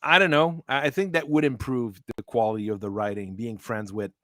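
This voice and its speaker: Male host, mid-pitched, halting rambler, dry close sound. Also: fairly even intonation, bright, forceful tone, dry recording. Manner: rambling, halting, laughs often. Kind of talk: casual chat.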